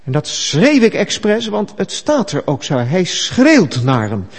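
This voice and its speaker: A man preaching a sermon, emphatic and animated. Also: high voice, slow pace, slightly rough, in a large hall.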